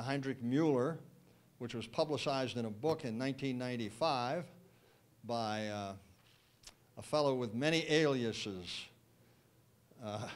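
Older man answering questions, wry and emphatic. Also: mid-range voice. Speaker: guest speaker. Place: wood-panelled banquet room. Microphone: handheld mic.

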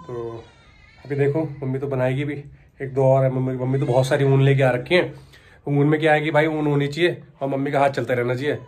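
A man's voice: medium pitch, a little mellow. Chatty man vlogging at home. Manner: chatty, doting, baby talk to the infant. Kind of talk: casual family vlog narration. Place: home, indoors.

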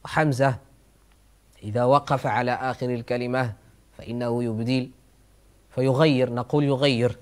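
Man slowly demonstrating recitation sounds. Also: mid-range voice, steady tone. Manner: slow, repeats words aloud to demonstrate sounds. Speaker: Quran recitation teacher. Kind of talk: explanatory lesson on recitation rules.

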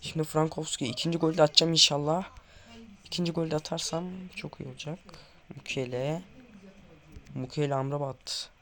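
A man's voice: fairly high pitch, fairly quick, pauses often. Nervous young man commentating his football match. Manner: tense and excited, calling player names, bursting into goal shouts. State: nervous, trembling hands. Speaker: gamer playing a football video game. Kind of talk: live gameplay commentary to viewers.

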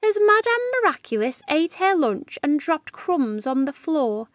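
A woman with a high voice reads a children's story aloud as host, using sweeping, animated intonation and a deliberate, expressive pace that lingers on phrases. The recording is dry and close with no room sound.

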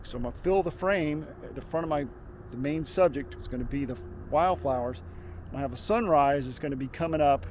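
Relaxed man vlogging on a windy hilltop. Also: on the high side, a little fast. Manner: relaxed, thinking aloud with fillers and restarts. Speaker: landscape photographer. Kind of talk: casual vlog explaining camera settings. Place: windy open hilltop outdoors. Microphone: lapel mic.

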